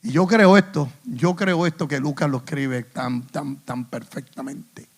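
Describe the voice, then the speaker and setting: A male pastor preaching a sermon in a church, swinging between hushed asides and loud emphatic lines, with English phrases mixed in. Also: fairly high pitch, normal speed. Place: church in the Bronx.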